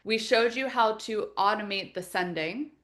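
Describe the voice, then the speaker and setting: A woman presents a live software training session, clicking through each screen as she explains it. Her delivery is friendly, practical and instructional, and her voice sits at an everyday middle pitch. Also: moderate pace. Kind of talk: live webinar screen-share tutorial.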